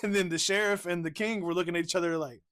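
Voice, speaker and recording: A man's voice: sits high, steady tone, fast talker, fairly bright tone, dry recording, studio quality. A man co-hosting a casual movie review podcast, laughing often and acting out scenes as he retells them. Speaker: podcast co-host.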